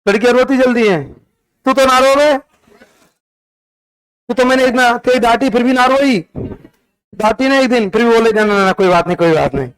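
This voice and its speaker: A male teacher with a high, clear voice gives a history lesson in a classroom, chatting and teasing with his pupils. He talks fast, and the audio quality is poor.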